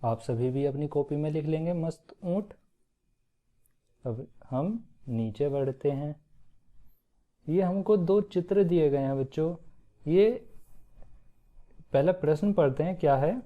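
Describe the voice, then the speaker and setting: Guy teaching little kids a hindi poem, slow and sing-songy, kinda high voice, tinny phone-ish audio. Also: animated. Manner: slow, sing-song poem recitation with repeated checks on the children. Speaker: primary school teacher. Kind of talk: explaining a children's lesson and reciting a poem.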